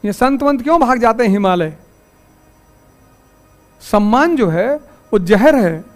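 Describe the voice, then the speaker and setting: A man lectures his students in a high-pitched voice, moving from wry anecdotes to pointed rhetorical questions. When he sets the rules of his class, he turns firm and commanding. It has the tone of a motivational classroom talk. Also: expressive, unhurried, faint music behind. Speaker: teacher addressing a class.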